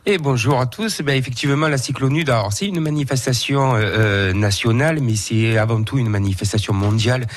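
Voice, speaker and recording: A man's voice: medium pitch, a little fast, few pauses, slight background noise. A man, president of an association, answering interview questions with frequent hesitations and self-corrections.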